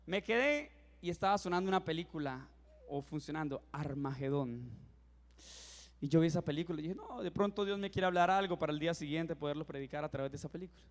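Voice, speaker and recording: A young man in his twenties, a youth pastor, preaching a sermon and telling funny stories, acting out his own reactions with lively energy. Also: a little high, quick pace. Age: 20s. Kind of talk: sermon with humorous storytelling. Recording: reverberant hall.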